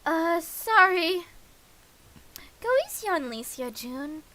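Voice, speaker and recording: In a very high, sharp voice with lively intonation, a woman slowly reads a visual novel aloud for her stream. She handles the narration and all the characters alone and keeps making small slips and starting over.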